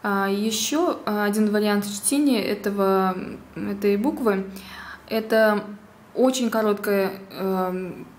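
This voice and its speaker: A woman teaching a pronunciation lesson, speaking carefully with pauses and small fillers. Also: mid-range voice. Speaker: language teacher.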